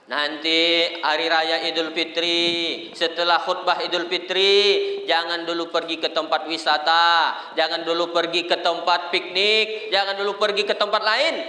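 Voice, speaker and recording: A man's voice: a little high, flat delivery, unhurried, hardly any pauses, pushed and bright. A man preaching a humorous sermon, telling stories and slipping into voices. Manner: storytelling, joking, shifting voices. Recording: echoey hall with faint ambience.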